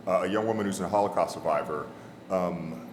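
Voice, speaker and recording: A man's voice: deep voice, a little fast, roomy sound, a little hiss or hum. A man from Texas, a novelist, describing his book on a festival panel with a hesitant delivery full of fillers. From Texas, USA. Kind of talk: panel talk.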